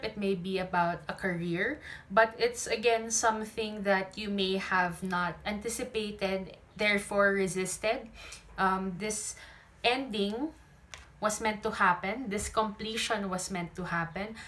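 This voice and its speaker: A woman's voice: mid-range voice, a bit bright. A woman with a Filipino accent and a mid-range voice reads tarot for her viewers. She talks conversationally, checking in with the listener as she goes. She speaks up to be heard over rain, without a dedicated microphone. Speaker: tarot reader and channel host. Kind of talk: intuitive tarot reading to viewers. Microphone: no usual microphone, camera's own mic.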